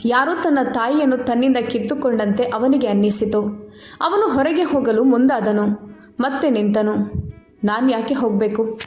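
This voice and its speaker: A woman storyteller giving a steady, emotive scripted narration of a moral story. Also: on the high side, moderate pace. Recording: echoey room with faint music.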